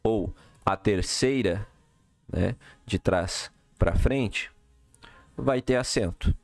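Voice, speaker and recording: A man with a lowish voice explains a lesson step by step and keeps checking in with the listener. His voice is recorded close and dry, with no room sound. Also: very slow, creaky, no echo. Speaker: teacher. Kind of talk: recorded lesson correcting exercises.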